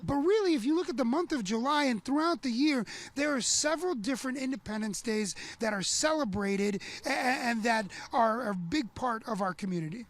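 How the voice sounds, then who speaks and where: A man's voice: extremely high pitch, expressive, moderate pace, hardly any pauses. A man in his forties, born in Peru, presenting an on-location news interview in an upbeat, chatty way with fillers. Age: 40s. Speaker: TV news reporter.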